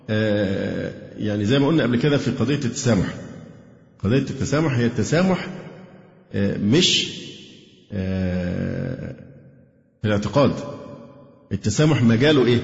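Egyptian male lecturer, quick delivery, booming hall, muffled old recording. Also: creaky, a little mellow. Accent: Egyptian Arabic. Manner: explanatory, asks rhetorical questions and answers them. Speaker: Islamic lecturer. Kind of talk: religious lecture. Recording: echoey hall, dull lo-fi sound.

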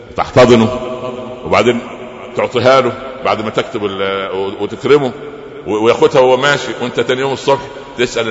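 Fast-talking Egyptian preacher in an echoey hall. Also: male voice, mid-range voice. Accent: Egyptian Arabic. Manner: lively storytelling with rhetorical questions and humorous asides. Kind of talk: sermon lecture. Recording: echoey hall, lo-fi with faint noise.

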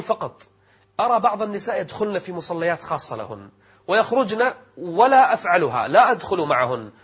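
A man preaching in formal standard Arabic as a programme presenter, with an emphatic, rhetorical delivery and a husky voice. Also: high voice. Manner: formal classical Arabic diction. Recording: dull, muffled lo-fi audio.

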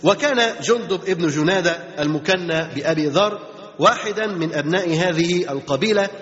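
Heard through a dull, lo-fi recording in an echoing hall, a high-pitched man with an Egyptian Arabic accent teaches an Islamic religious lesson at a brisk pace. His tone is fairly bright, and he often questions his listeners rhetorically while repeating key phrases.

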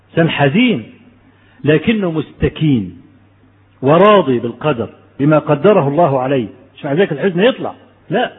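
A man's voice: sits high, breathy edge, in a large hall, phone-quality sound. A man with an Egyptian Arabic accent preaching a conversational sermon, telling stories and asking his listeners rhetorical questions. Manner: storytelling, rhetorical questions to the audience.

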